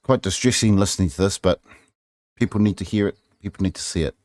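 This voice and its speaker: A man's voice: low-pitched, quick pace, a little mellow, no echo, clean studio sound. A middle-aged man with a Māori New Zealand English accent, hosting an informal, opinionated radio-style show in a blunt, colloquial, sweary way.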